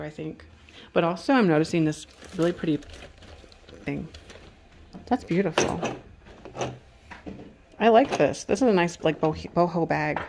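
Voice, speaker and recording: A woman's voice: deep voice, background noise. A woman walking through an estate sale indoors, chatting casually to her handheld phone camera, exclaiming and thinking aloud about prices. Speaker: vintage reseller vlogger. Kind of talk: casual walk-through narration.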